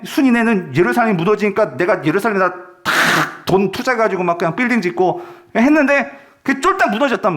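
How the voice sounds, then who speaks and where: Male pastor, sermon; high, lively delivery, keeps quizzing the congregation. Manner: animated, questioning the congregation. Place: church sanctuary.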